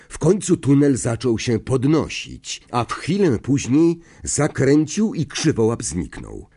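A man narrating an audiobook in an expressive, suspenseful way. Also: medium pitch, husky.

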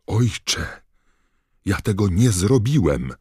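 A man voicing a panicked young man who shouts and begs his father for mercy in an audiobook. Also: fairly low pitch, big pitch swings, slow, breathy edge, dry recording, studio quality, pitched above the performer's own voice, full character voice. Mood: desperate pleading. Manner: desperate shouting and begging. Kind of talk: audiobook character voice.

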